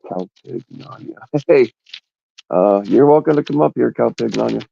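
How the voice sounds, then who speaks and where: Man, livestream host, gravelly voice, casual rambling chat, crude jokes, faint background noise. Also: mid-range voice, expressive, normal speed, dark tone, dull audio.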